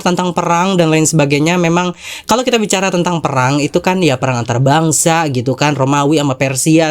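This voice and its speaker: A host with a Jakarta Indonesian accent and a congested nasal voice from a cold, giving chatty, sassy commentary with dramatic asides, of mid-range pitch between a man's and a woman's. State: has a cold. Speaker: host of a YouTube commentary channel. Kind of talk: casual spoken commentary to viewers.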